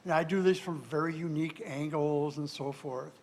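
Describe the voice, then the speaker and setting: A man's voice: fairly high pitch, normal speed. A man speaking as an audience member at a live event, casually sharing a personal story.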